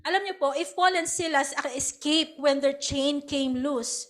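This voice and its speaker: A woman pastor with a Filipino accent preaches in lively Taglish. Her voice sits high. She drops into acted quotes of other people as she goes. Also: measured pace. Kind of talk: sermon.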